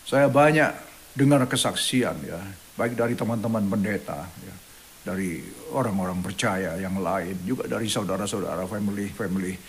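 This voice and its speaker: Indonesian-speaking pastor preaching a sermon. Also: male voice, on the low side, normal speed, slight background noise. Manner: reads verses in Indonesian then English, dramatic raised voice when quoting; frequent filler "ya" between phrases. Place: church online service.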